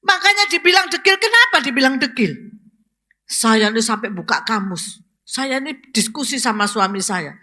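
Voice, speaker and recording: A woman pastor preaches with a bright, ringing voice pitched a little high. She asks the congregation questions and rises to emphatic exclamations. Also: lively intonation, moderate pace. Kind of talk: sermon.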